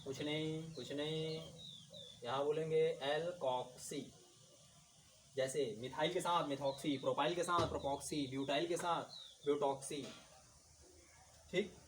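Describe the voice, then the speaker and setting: A man gives a chemistry lecture with a raised voice, slow and drawn out, and says every term two or three times for his students. He sounds set back from a distant mic, with faint noise and birds behind him. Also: on the high side. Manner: slow, repeats terms, addresses students as kids. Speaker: chemistry teacher. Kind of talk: blackboard lecture.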